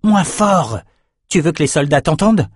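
In an audiobook, a man voices a defiant young swordsman held prisoner, speaking firmly and urgently at a moderate pace. His delivery is animated and slightly rough, pitched fairly high, above his own natural voice. The recording is studio quality with no room sound.

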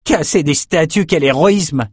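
A man's voice: fairly high pitch, moderate pace, dry recording, clean studio sound, voice pushed up, lightly acted. A man voicing a proud young swordsman who speaks in a cutting, sarcastic way in a storybook reading. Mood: defiant.

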